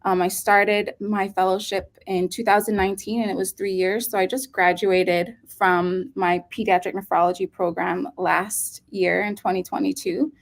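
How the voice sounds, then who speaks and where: A woman in her thirties from Hawaii, speaking as a pediatric nephrologist guest in an earnest, unhurried way with many um fillers. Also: medium pitch, level tone, gravelly. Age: 30s. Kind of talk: casual interview talk.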